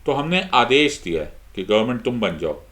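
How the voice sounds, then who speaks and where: A man's voice: medium pitch, fairly quick. A middle-aged Indian man teaching an exam-prep lesson, switching between Hindi and English with an Indian accent and putting questions to himself before he answers them. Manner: lively, mixes Hindi and English, asks and answers his own questions. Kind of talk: online lecture.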